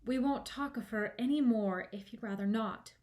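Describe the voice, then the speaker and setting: A woman's voice: a little high, normal speed, darkish tone, close to an everyday voice. Woman as eager, polite storybook girl Alice. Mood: soothing, fond. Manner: earnest, eager, apologetic. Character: eager, polite, chatty young girl, quick to apologise. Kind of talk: children's storybook reading.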